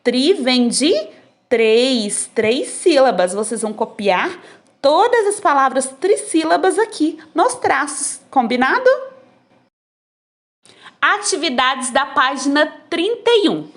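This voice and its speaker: A woman teacher talks children through their exercises at an unhurried, careful pace. Her voice sits high and moves widely up and down as she stresses each point. It sounds like a phone recording. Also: very animated. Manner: slow, patient, drawn-out explaining to children. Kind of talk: recorded lesson explaining textbook exercises.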